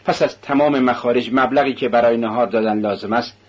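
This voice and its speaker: A man reading a novel aloud, voicing a shy, poor eighteen-year-old girl in a raised, husky voice. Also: mid-range voice, fairly even intonation, highs cut off, natural voice. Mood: timid.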